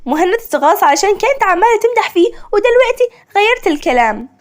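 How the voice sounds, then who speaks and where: A woman's voice: very high voice, very animated, fast talker. A woman with an Egyptian Arabic accent narrating a story in a plain storytelling manner.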